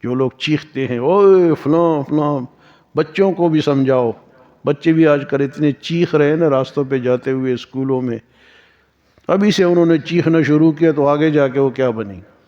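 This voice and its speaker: A man teaching a Quran lesson as a sermon, reciting verses slowly and then explaining them in plain speech, with Persian verse chanted in slow drawn-out lines. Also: fairly high pitch, a little mellow, lo-fi sound.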